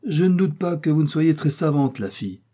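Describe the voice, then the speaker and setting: A man's voice: fairly high pitch, lively intonation, brisk, warm tone, voice pushed up. A man voicing a sly, burly male peddler who wheedles and then bullies, in an audiobook reading. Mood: harsh.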